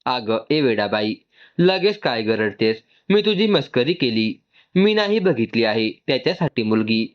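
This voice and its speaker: Middle-aged mother figure, affectionate and teasing, slightly raised pitch, read by a man, muffled lo-fi sound. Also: very animated, measured pace.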